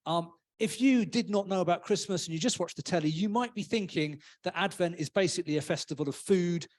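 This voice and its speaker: A man's voice: sits high, fairly quick. A man giving a casual, humorous sermon in a church, often acting out voices. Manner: chatty, humorous, acts out voices. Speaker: preacher.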